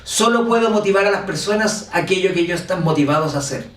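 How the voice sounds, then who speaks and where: Animated Chilean man teaching in an echoey room. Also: sits high, fast talker, far from the mic, a little hiss or hum. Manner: animated, asks for agreement with "¿cierto?". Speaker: instructor. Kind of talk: online course lecture.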